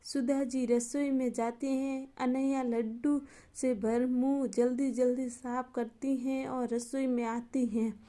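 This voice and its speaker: A woman narrating a moral storybook tale in an even, unhurried scripted reading. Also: high-pitched.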